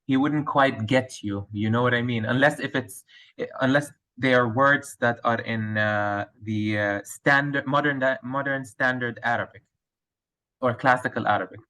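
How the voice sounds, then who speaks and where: A male teacher with a Lebanese accent thoughtfully answers interview questions, hesitating with frequent fillers and restarts. His mid-range voice comes across pushed and bright at a moderate pace.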